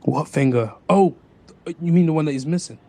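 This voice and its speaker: A man's voice: a little high, dark tone. A man playing his character in a tabletop role-playing game, talking earnestly and often urging the group to stay on track. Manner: earnest, quick to reassure and refocus. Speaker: player.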